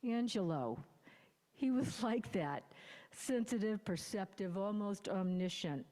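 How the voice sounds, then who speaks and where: A woman's voice: mid-range voice, animated, slow pace, dark tone. A woman around sixty, sharing her own recovery story in a sermon in a candid, reflective and wry way. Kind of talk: personal testimony in a sermon. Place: church sanctuary. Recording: long hall reverb.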